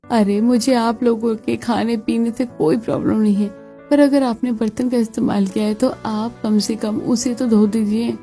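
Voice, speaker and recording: A woman's voice: on the high side, fairly even intonation, moderate pace, warm tone, lightly acted. Brief: woman voicing an indignant young wife in a cartoon, raised voice, faint music behind.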